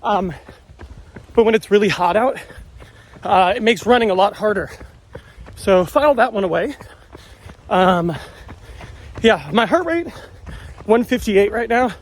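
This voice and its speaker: A man's voice: high voice, expressive, a little slow, long pauses. A man talking casually to a handheld phone while running outdoors on a trail, vlog style, sounding effortful. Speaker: running vlogger. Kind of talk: casual vlog talk to camera.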